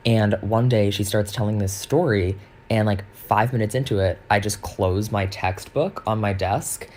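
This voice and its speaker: A man's voice: on the low side, steady tone, a little slow, a little mellow. A man telling a school story in a casual, matter-of-fact way with many "like" fillers. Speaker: TikTok creator.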